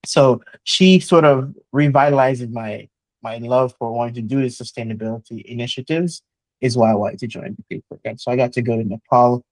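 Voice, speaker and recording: A man's voice: medium pitch, fairly even intonation, brisk, no room sound, low-quality recording. Earnest man, dry close sound. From Jamaica. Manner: earnest, motivational, frequent "uh" and "so". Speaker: guest, chemical engineer. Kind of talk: conversational interview.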